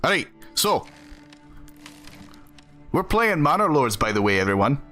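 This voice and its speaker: A man's voice: fairly high pitch, sing-song, unhurried, sharp tone, faint music behind. A man from the American South chatting earnestly with his live-stream audience while playing a game. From Southern United States. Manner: earnest, chatty, answers chat between gameplay. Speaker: gaming streamer. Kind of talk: casual live-stream chat.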